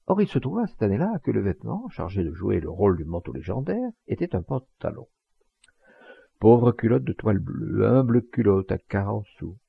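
A man's voice: lowish voice, moderate pace, creaky, husky, dry recording, phone-quality sound. A man reading a classic novel aloud as an audiobook, narrating expressively. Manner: expressive storytelling. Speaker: audiobook reader. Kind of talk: scripted narration.

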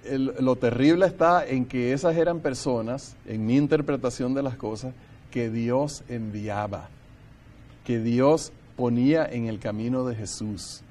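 A man's voice: medium pitch, mellow. A man leading a Bible study discussion, talking earnestly and thinking aloud, and sometimes reading scripture passages aloud.

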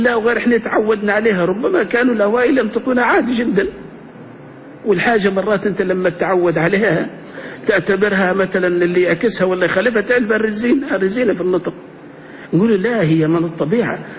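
A man's voice: sits high, slight background noise. A man teaching grammar to a class, often checking with them through rhetorical questions. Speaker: sheikh teaching Arabic grammar. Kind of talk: classroom lesson. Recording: dull lo-fi recording.

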